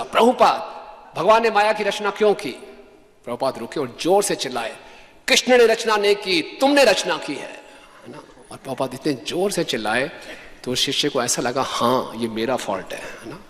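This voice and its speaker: A man giving a sermon in a scripture class, telling stories animatedly and acting out the voices he quotes. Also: fairly high pitch. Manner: animated storytelling, acts out quoted voices, laughs with the audience. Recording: long hall reverb.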